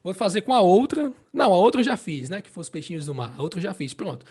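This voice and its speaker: A man with a Brazilian Portuguese accent gives a casual spoken harmonica lesson in a high-pitched, very animated voice that is a little mellow and husky. He explains slowly and patiently, repeats phrases, and keeps checking in with "né?" and "entende?".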